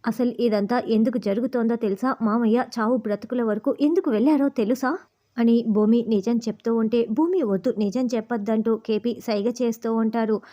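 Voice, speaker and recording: A woman's voice: a little high, dull audio. A woman retelling a TV serial episode in scripted narration, reading every character's lines in her own narrating voice. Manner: reads all characters' quotes in one even narrating voice.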